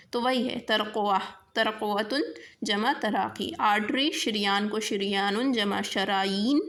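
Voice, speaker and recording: A woman teaching a vocabulary lesson in speech, dictating word pairs slowly and checking in with the class. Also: fairly high pitch, a bit bright. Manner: slow careful dictation of word pairs, frequent rising checks.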